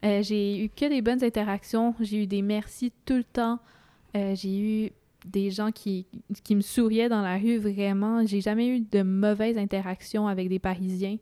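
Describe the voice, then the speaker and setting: A woman with a Québécois French accent talks as an interview guest in a mellow, smooth voice. She tells her stories in a lively, casual way and often voices her own thoughts aloud. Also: medium pitch, normal speed. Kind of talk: casual conversational storytelling.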